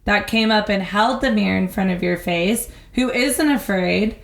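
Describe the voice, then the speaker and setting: An animated woman co-hosting a casual podcast, talking at a middle pitch and slipping into quick voices to act out scenes. The room around her voice is roomy and echoey. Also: vocal fry. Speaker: podcast co-host. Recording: roomy echo.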